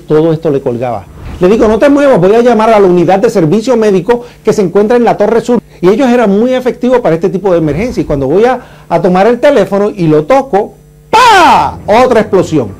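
High-voiced man recounting a disaster. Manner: vivid, re-enacts shouts and sounds. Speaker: 9/11 survivor giving testimony. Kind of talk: emotional first-person account.

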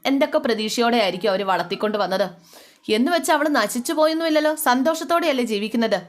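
A woman voicing a kindly older father-in-law who soothes and reasons calmly. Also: a little high, quick pace, natural voice. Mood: soothing.

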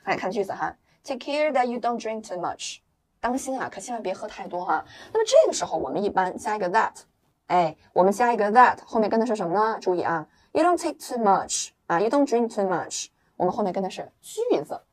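Animated woman teaching English lessons. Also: medium pitch, fast talker. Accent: Chinese. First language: Mandarin. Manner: animated, coaxing, checks in with tag questions. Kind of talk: lively online English lesson.

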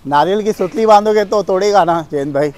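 A man's voice: high-pitched, fairly quick, a little mellow. Inquisitive middle-aged man questioning outdoors. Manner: inquisitive, presses with follow-up questions; mixes English phrases into his talk. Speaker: host. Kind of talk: casual on-site interview. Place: outdoors on a goat farm. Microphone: handheld mic.

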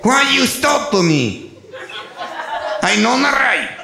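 A man's voice: very high-pitched, sing-song, drawn-out words, vocal fry, a crowd in the background, voice pushed up, full character voice. A man with a Venezuelan accent voicing a flustered driver who pleads in broken English. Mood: pleading. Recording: echoey stage with audience laughter.

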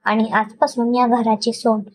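Domineering husband read by a woman, cold, curt, commanding, storybook, higher voice. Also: level tone, a little slow, natural voice. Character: cold domineering rich young husband, man.

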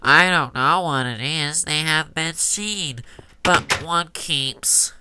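A man's voice: on the high side, takes it slowly, background noise. A man voicing a grim male explorer captain reading his log aloud in a pinched, nasal voice, holding his nose. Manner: solemn diary-reading delivery.

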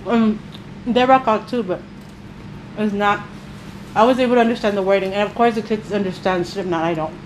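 A woman's voice: mid-range voice, fairly even intonation, a little fast, pauses often, low-quality recording. Chatty middle-aged woman vlogger, mouth full and chewing as she rambles, noticeable room noise behind. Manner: rambling, chatty, with many fillers. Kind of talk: casual eating-show chat.

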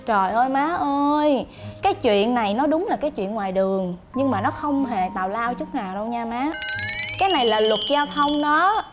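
High-voiced Southern Vietnamese actress as a polite, earnest young daughter for a TV sketch. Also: female voice, lively intonation, a little fast, lightly acted. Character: level-headed young daughter who explains the traffic law. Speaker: daughter in a traffic-safety skit. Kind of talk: televised comedy sketch acting. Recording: music bed under the dialogue.

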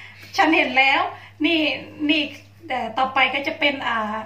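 Narrating her home cooking vlog in a small indoor kitchen, a middle-aged woman from Thailand chats playfully and casually. Her high-pitched voice is bright and forceful, holding a steady tone at an unhurried pace.

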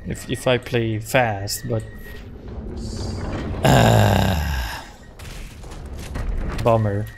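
Here the same kind of speaker, a native French speaker in his thirties with a Québécois accent, rambles through casual live-stream commentary from a small home room. His fairly low voice is expressive, creaky and very slow, set against a noisy background. He mocks himself, chuckles often and repeats words.

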